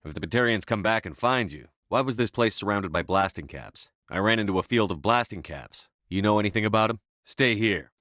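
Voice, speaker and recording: A man playing a resolute human military commander in a space opera video game, speaking in a measured, authoritative, matter-of-fact way. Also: on the low side, expressive, a bit bright, dry recording, studio quality. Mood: firm, matter-of-fact.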